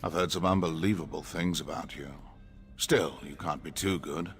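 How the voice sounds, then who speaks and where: A man's voice: sits low, steady tone, normal speed, natural voice. An actor playing a stern, condescending male assassin trainer, dry and impatient, in video game dialogue. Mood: sardonic. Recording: game audio with faint music.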